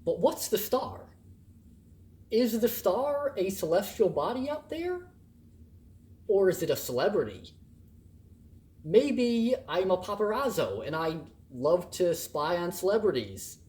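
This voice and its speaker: Male lecturer, slow and deliberate, lively swooping pitch, playful classroom delivery. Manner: animated and playful, acting out examples in varied emphasis. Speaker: college instructor. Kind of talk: recorded lecture.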